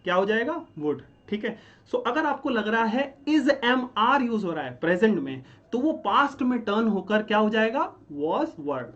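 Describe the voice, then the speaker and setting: In a classroom-style grammar lesson, a man teaches English step by step, posing a question and then answering it himself while repeatedly checking in with "ठीक है?". His voice sits high and is sing-song, unhurried and slightly bright, captured on a lo-fi recording.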